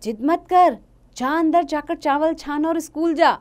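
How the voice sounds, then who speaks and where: A woman's voice: sits high, steady tone, measured pace, a little mellow, pitched above the performer's own voice. A woman voicing a caring, practical village mother, soothing but firm.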